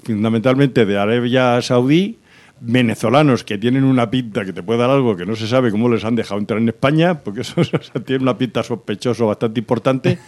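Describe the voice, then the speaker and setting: A man's voice: medium pitch, a little fast, a little mellow. A man hosting a casual radio chat in a studio, joking and rambling with frequent laughs. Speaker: radio host.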